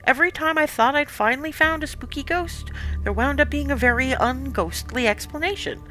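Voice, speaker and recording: Calm, wry young woman explorer, high and bright, read by a woman. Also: brisk, soft background music.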